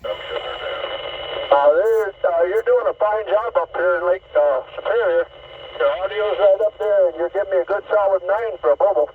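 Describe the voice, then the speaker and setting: A man's voice comes in over a CB radio on sideband, a little mistuned. The sound is muffled and lo-fi, with faint hiss under it. He sits high in pitch for a man and speaks in calm, clipped radio procedure. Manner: measured radio-procedure talk. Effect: slightly mistuned sideband CB radio signal. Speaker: CB radio operator on the air. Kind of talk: on-air radio exchange ending turns with "roger".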